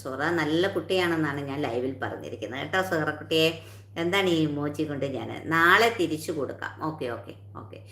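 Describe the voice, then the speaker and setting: A woman's voice: fairly low pitch, a bit bright, roomy sound. A woman hosting a casual live stream, chatting with viewers and greeting each one by name.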